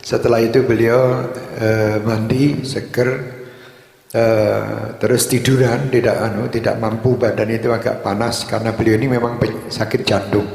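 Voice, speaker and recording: A man speaking calmly at a religious gathering, telling a story at an unhurried pace. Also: medium pitch, creaky. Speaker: religious singer and host of the gathering. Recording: echoey hall with long reverb.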